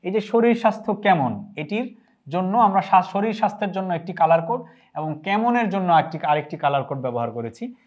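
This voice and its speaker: A man with a Bangladeshi Bengali accent teaching a spoken Arabic lesson, drilling phrases slowly and repeating each one. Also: sits high, lively intonation, a little mellow, muffled recording. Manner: slow, careful drilling of phrases with repetition.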